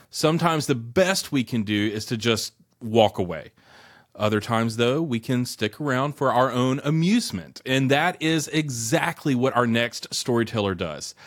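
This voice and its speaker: A man hosting a radio storytelling show, reading a scripted, even link between stories. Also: mid-range voice, measured pace.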